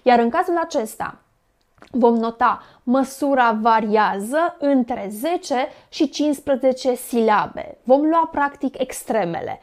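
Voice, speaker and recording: A woman's voice: on the high side, lively intonation. Woman teaching a poetry lesson. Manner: measured explanatory, frequent "uh" fillers. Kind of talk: Romanian literature lesson.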